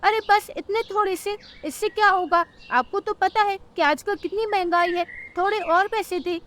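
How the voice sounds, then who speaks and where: A woman's voice: extremely high pitch, moderate pace, fairly bright tone, slight background noise. A woman voicing a cunning, greedy male crow in a cartoon, wheedling as he begs. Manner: wheedling and grasping.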